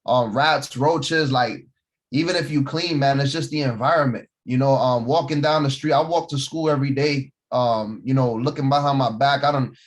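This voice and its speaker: A man's voice: medium pitch, moderate pace. A man, a company vice president, giving a casual motivational talk to his team about where he grew up, with many fillers and repeated words. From born in Puerto Rico, raised in East Harlem, New York City. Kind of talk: motivational talk on a video call.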